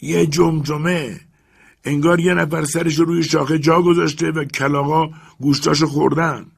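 A man narrating an audiobook puts on a timid, stubborn old servant who answers his master from high up a tree. The voice is pushed well above his own and loud. A gravelly, husky grain stays under it. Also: little pitch movement. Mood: nervous, pleading. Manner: high strained pleading voice.

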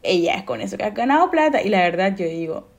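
A woman's voice: mid-range voice, sing-song, quick pace, creaky. A young woman, hosting a casual podcast chat, telling stories loosely and laughing often. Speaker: podcast host.

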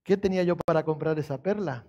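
High-voiced preaching man. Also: quick pace, muffled recording. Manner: conversational preaching with rhetorical questions and scripture quotes; swings between soft, low storytelling and raised emphatic passages. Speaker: pastor. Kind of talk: sermon.

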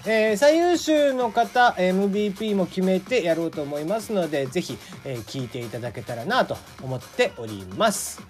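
Soft music plays beneath this solo podcast host, a man from Kagoshima, Japan, whose speech mixes Kagoshima and Hakata dialect. He keeps a moderate pace with hardly any pauses, chatting casually with plenty of fillers and lively rises and falls in pitch.

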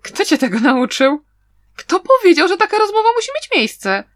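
A woman reading an audiobook, voicing a clever, playful young man who talks in a teasing, lively way. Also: very high-pitched, normal speed, no room sound, voice pushed up, heavily acted.

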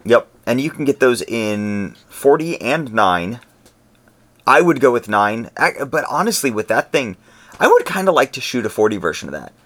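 A man co-hosting a podcast, talking in a relaxed, conversational way and explaining his points at length. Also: medium pitch, normal speed. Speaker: podcast co-host. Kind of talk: casual podcast chat.

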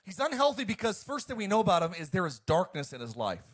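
Preaching fast to his congregation, this pastor has a high voice with huge pitch swings. He's emphatic and preacherly, moving back and forth between loud and quiet.

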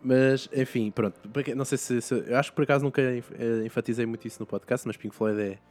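Fast-talking young Portuguese man, rambling. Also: mid-range voice, steady tone, a little mellow. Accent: European Portuguese. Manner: rambling, many restarts and fillers. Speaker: podcast host. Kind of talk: casual chat.

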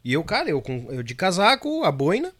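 A middle-aged man with a southern Brazilian gaúcho accent, hosting a podcast and telling stories in a lively, chatty way. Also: high-pitched, a little fast. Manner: lively storyteller, reads viewer messages aloud. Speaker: podcast host. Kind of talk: casual podcast chat.

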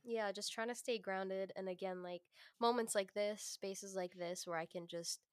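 A woman's voice: mid-range voice, steady tone, normal speed, clean tone, dry recording, clean studio sound. A young woman in her twenties co-hosting a podcast, talking earnestly and reflectively in casual chat. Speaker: podcast co-host.

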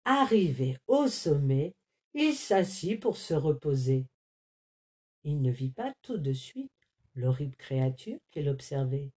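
A woman reading a children's picture book aloud, unhurried and carefully articulated. Her voice rises and falls with animated storytelling energy. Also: low-pitched. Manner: expressive, clearly articulated.

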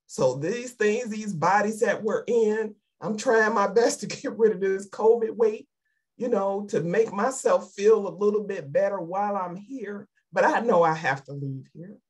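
A woman's voice: mid-range voice, measured pace, a little mellow, husky. A woman giving an emotional, fervent sermon over a video call, repeating her exhortations. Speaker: lay preacher.

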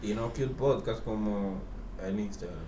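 A man's voice: on the low side, unhurried, warm tone. A man with a Dominican Spanish accent, co-hosting a podcast in casual, slangy banter with a blunt, argumentative way of talking. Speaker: podcast co-host. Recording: echoey room, faint noise.

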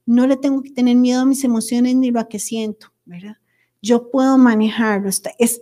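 Woman in her thirties, high voice, warm conversational workshop leader. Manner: conversational, tags sentences with a questioning aside. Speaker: workshop facilitator. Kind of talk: talk to a group on handling emotions.

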